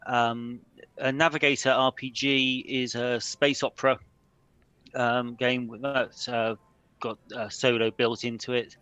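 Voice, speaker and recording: British male panellist, bright forward voice, casual and halting, close dry sound. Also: mid-range voice, level tone, clean tone, dry recording. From UK, living in Shetland. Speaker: solo game supplement writer, panel guest.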